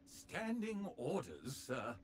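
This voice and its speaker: A man's voice: medium pitch, huge pitch swings, slow, slight background noise. A man voicing a polite, fawning male butler robot in a video game, formal and obsequious, calling his master sir. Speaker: butler droid.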